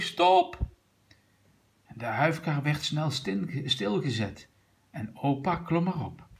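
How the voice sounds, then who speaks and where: A man reads a rhyming children's book aloud to a young listener, pausing to point out things in the pictures. His voice is gravelly and unhurried, with a wide, lively melody. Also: mid-range voice. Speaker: reader of a children's story.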